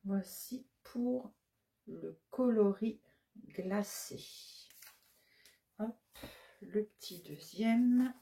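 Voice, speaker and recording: Slow, mellow-voiced woman showing off yarn. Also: medium pitch, creaky. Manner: hesitant, many fillers, listing colors one by one. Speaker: yarn shop owner presenting her new colorways. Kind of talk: casual product show-and-tell.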